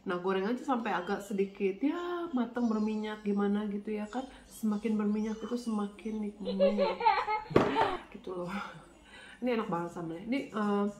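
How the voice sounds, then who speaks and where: A woman's voice: medium pitch, normal speed. Lady w stuffy blocked nose chatting over her food, echoey room, bit of noise. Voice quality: congested, stuffy-nosed nasal voice. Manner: chatty, colloquial, often speaking between bites. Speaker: vlogger, channel host. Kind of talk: casual chat while eating, mukbang vlog. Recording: roomy echo, faint background noise.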